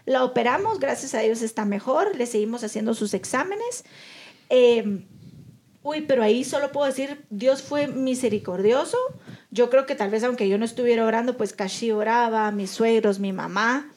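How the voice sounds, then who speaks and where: A woman's voice: a little high, lively intonation, normal speed, darkish tone. Earnest woman telling a story. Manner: earnest, acts out quoted relatives. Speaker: podcast co-host. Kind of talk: casual chat, personal story.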